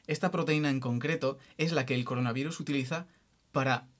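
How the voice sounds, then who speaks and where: A man's voice: medium pitch, steady tone, a little fast, fairly bright tone. Joking man explaining science. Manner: jokey, restarts often while explaining. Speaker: podcast host explaining science. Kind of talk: casual explanatory chat.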